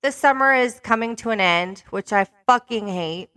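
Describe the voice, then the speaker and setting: A woman's voice: on the high side, normal speed, pushed and bright, dry recording. A middle-aged woman co-hosting a podcast, chatting casually, blunt, playful and swearing. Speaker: podcast co-host. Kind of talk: casual chat.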